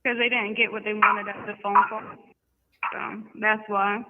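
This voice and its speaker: A woman from Georgia talking calmly over a prison phone line, rambling with fillers. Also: medium pitch, moderate pace. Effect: heard over a prison phone line. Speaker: inmate on trial. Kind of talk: casual phone chat. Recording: tinny prison phone line with faint hiss.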